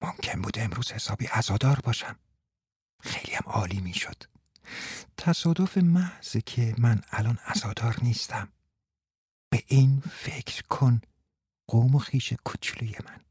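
A man voicing a moody young woman in an audiobook, speaking dryly and teasingly, with soft hushed stretches. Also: medium pitch, animated, breathy edge, dry recording, clean studio sound. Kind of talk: audiobook character reading.

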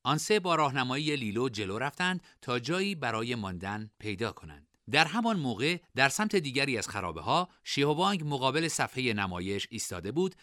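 A man narrating a fantasy novel as an audiobook, his pitch rising and falling with lively expression around a middle register. The tone is bright and forward, and the recording is dry and close with no room sound. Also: few pauses, no room sound. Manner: expressive, varied storytelling delivery. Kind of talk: scripted narration.

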